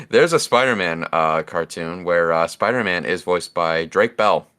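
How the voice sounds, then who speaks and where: A man's voice: sits low, sing-song, takes it slowly, sharp tone. A man co-hosting a casual podcast chat, rambling through stories and laughing at them. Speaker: podcast co-host.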